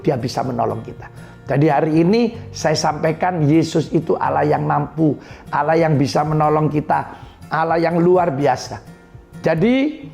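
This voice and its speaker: A man's voice: on the high side, gravelly, a little mellow. A male pastor with an East Javanese accent, animatedly retelling a Bible story in a sermon and driving points home with repeated phrases. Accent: East Javanese Indonesian.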